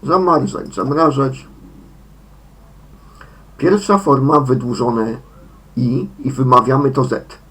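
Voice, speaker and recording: A man with a Polish accent, a Polish speaker teaching English pronunciation, slowly repeating each word in sets of three. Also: mid-range voice, steady tone, a bit bright. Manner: slow, deliberate, repeats words in sets of three. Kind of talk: slow pronunciation lesson.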